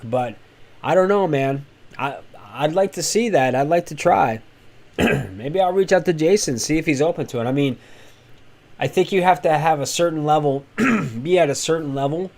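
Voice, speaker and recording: A man's voice: fairly high pitch, a little mellow. A man hosting a casual live stream, talking candidly and with strong opinions to his chat, rambling with frequent restarts. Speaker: host of a crypto live stream.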